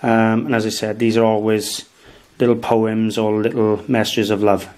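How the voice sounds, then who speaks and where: A Welsh antiques dealer in his thirties hosts a casual vlog from his home dining room, showing his market purchases and littering his tips with "um" and "guys." He has a fairly low, slightly mellow voice and speaks in a monotone at a moderate pace.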